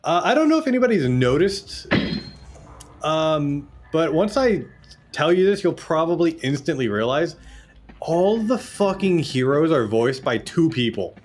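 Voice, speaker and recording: A young gaming streamer gives casual, laid-back commentary over game music, chatting and swearing freely. His voice is on the high side, sing-song and unhurried.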